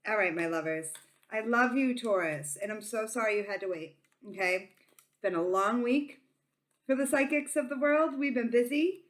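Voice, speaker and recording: A woman's voice: fairly high pitch, normal speed, fairly bright tone. A woman with a Boston accent giving a casual psychic reading to viewers, informal, slangy and affectionate, sounding tired and a little silly. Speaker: tarot reader and channel host.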